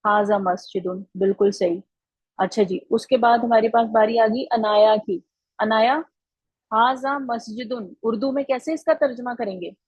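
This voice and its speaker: Patient teacher with a husky voice. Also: female voice, a little high, moderate pace, a little mellow, no room sound, dull audio. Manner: patient, encouraging, repeats answers. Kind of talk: online class teaching.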